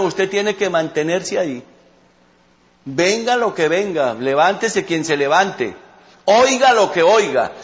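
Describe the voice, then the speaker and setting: A male pastor delivers a storytelling sermon and keeps calling out to his congregation. His voice is high for a man. The recording has a dull, lo-fi quality. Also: a bit bright. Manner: storytelling with repeated call-outs to the congregation.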